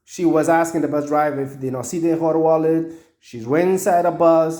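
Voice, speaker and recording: A man telling a personal story aloud in halting English with non-native grammar. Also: on the high side, fairly even intonation, warm tone, roomy sound.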